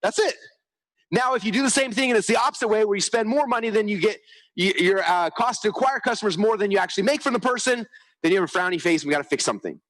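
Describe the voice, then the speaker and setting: Fast-talking, high-voiced man on stage. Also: low-quality recording. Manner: energetic, animated storytelling, acts out quotes; repeats "okay?" to check with the audience. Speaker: conference speaker. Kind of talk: live marketing presentation. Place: conference hall.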